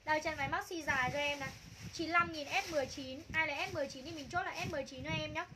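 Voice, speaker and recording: A high-pitched woman is hawking clothes on a livestream. She rattles off prices and item codes again and again, and she gushes over each piece. There is steady noise behind her voice. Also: racing. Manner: repetitive, calls out prices and codes, gushing. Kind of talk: live sales pitch.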